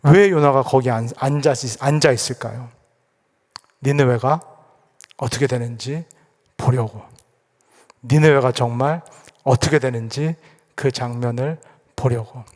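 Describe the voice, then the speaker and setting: A man's voice: mid-range voice, a little slow, long pauses, a little mellow. A male pastor preaching a sermon, asking rhetorical questions and repeating phrases for emphasis. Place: church sanctuary. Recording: echoey church hall.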